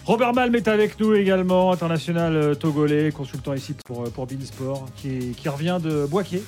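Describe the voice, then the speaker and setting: A chatty man hosts a live sports radio show, his voice sitting a little high. He talks loosely with plenty of fillers and laughs easily. Faint music plays underneath. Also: a little fast, darkish tone. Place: studio on location.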